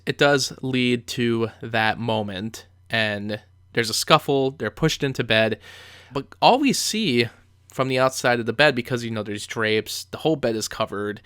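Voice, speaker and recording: Bright-voiced man reviewing films. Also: mid-range voice, dry recording, clean studio sound. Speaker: film reviewer. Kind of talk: conversational film commentary.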